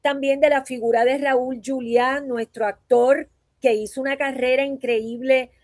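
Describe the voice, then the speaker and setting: A woman's voice: high voice, steady tone, unhurried, a little mellow, no room sound. A Puerto Rican woman who teaches voice and acting, speaking in an earnest, reflective way at a talk and often tagging her sentences with "¿verdad?". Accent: Puerto Rican Spanish. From Puerto Rico. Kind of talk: conference talk.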